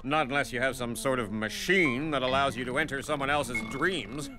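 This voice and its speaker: A man voicing a pompous, unhurried walrus doctor in a cartoon, with a ponderous deadpan manner. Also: medium pitch, close to an everyday voice. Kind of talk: cartoon voice acting. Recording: music behind.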